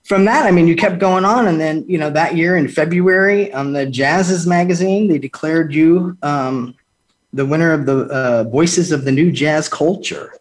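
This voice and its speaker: A man's voice: fairly high pitch, normal speed. A man hosting an interview, chatty and enthusiastic, laughing often with his guest. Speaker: interview host. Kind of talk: casual interview.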